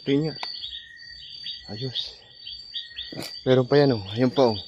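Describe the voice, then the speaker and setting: A man vlogging outdoors at night among trees, excitedly pointing out finds and directing a companion. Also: mid-range voice, takes it slowly, dull audio, noisy background. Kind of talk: casual outdoor vlog narration.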